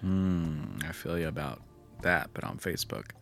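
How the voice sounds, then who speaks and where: A man co-hosting a comedy podcast, chatting casually and reading out his jokes in a deadpan way. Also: very deep voice, moderate pace, creaky, faint music behind. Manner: joking, reads tweets in a deadpan whisper. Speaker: podcast co-host.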